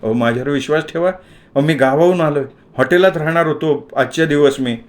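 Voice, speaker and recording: A man's voice: a little high, a little fast, close to an everyday voice. A man voicing an earnest young man from a village, pleading and protesting his innocence.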